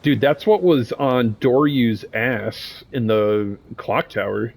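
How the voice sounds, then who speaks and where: A man's voice: medium pitch, slow pace, gravelly, a little mellow, a little hiss or hum. A young man casually playing a horror game, reading its text aloud and joking with slang between lines. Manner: casual, joking, says "dude" and "bro". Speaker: gameplay streamer.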